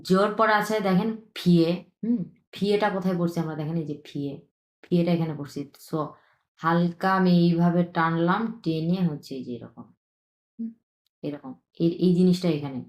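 A woman teaching a language online, explaining each stroke patiently, often checking in with a quick question, while she is ill with a cough. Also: fairly low pitch, darkish tone, echoey room. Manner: patient, repetitive, checks in with frequent tag questions.

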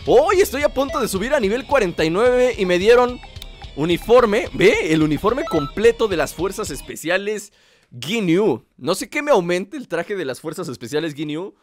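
A man commentating his gameplay, joking and taunting enemies in mock-villain fashion, shouting during fights. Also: high voice, very animated, normal speed, faint music behind. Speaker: gameplay streamer.

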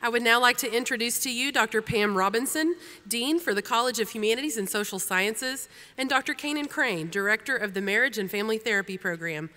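A woman delivers formal commencement announcements in a measured way. Her voice is bright and a little high. It echoes through a large hall over a faint murmuring crowd. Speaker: commencement presenter. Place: large auditorium.

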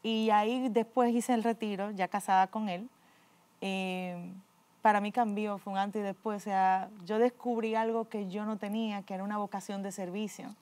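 A middle-aged woman, earnestly telling her personal faith testimony, often dropping to a quiet voice. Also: mid-range voice, fairly even intonation, normal speed. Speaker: guest giving a testimony.

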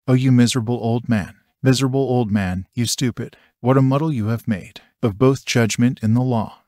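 A man's voice: medium pitch, moderate pace, a little mellow, no echo, studio quality, natural voice. A man reading the lines of a newborn boy who accuses an old seer defiantly. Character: half-month-old baby boy, defiant and merciless.

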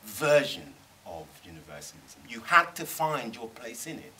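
On a panel in a cinema screening room with an audience, a middle-aged man speaks thoughtfully and emphatically, often restarting his sentences. His medium-pitched voice is sing-song and sharp-toned at normal speed, with a little hiss or hum in the recording.

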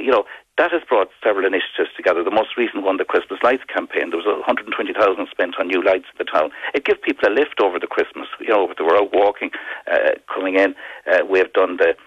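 A fast-talking man with a west of Ireland accent gives a radio interview. His voice is low and husky, and he often doubles back on his words. The sound is dull and band-limited. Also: dry recording. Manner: hesitant, repeating words as he goes. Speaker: community development company representative, interview guest.

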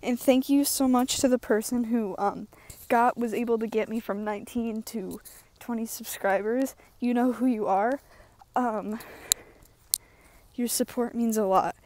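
Slightly out of breath as she heads uphill at the edge of the woods, a young adult YouTuber rambles in a casual walking vlog, her slightly high voice a little slow and packed with ums and likes. She jokes in a deadpan, self-mocking way. Her phone hangs low as she speaks into a wired earbud headset mic.

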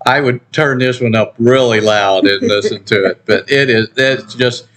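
A man's voice: mid-range voice, moderate pace, a bit bright. Older guy reacting to a song at home, laid-back, repeats himself, mid voice. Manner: easygoing, repeats himself, chuckles often. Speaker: reaction channel co-host. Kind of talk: casual chat. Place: indoor home room.

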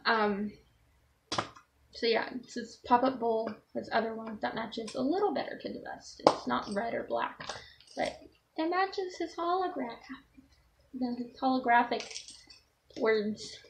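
A woman's voice: fairly high pitch, unhurried, creaky, pauses often, background noise. A young woman vlogger talking casually about her service dog, rambling with frequent ums and self-corrections. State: has the hiccups. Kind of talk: casual show-and-tell vlog.

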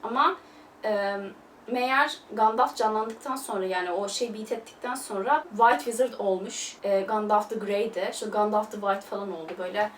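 A woman's voice: medium pitch, moderate pace. A young woman chatting through a casual film review, gushing and loose, full of fillers. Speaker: film vlogger. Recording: roomy, distant mic, faint hiss.

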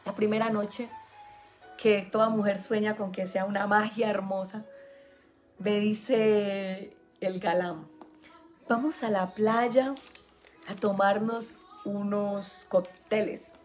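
A woman's voice: medium pitch, fairly even intonation, takes it slowly, darkish tone, soft background music. A woman with a Medellín Colombian accent, telling a personal story to her online audience in a chatty way and laughing often. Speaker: spiritual healing coach.

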